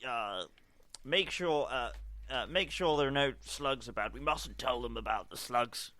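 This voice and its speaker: Bright-voiced man role-playing a fussy manager. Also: medium pitch, measured pace, dry recording. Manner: rambling, laughing mid-sentence. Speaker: player in a tabletop game. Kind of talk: in-character role-play as a station manager.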